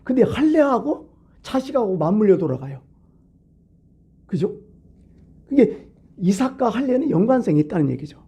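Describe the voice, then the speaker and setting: Guy pastor preaching at a wednesday service, kinda husky breathy voice, asks the room lots of questions. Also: high voice, very animated, normal speed, long pauses, dark tone. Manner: conversational preaching with rhetorical questions. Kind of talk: midweek sermon. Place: church sanctuary.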